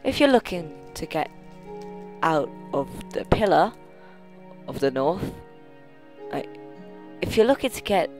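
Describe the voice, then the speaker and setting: A gamer voicing a cheery villager in a put-on Welsh accent, with a sing-song, halting delivery. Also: mid-range voice, sing-song, faint music behind. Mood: welcoming. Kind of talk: improvised character voice in a game video.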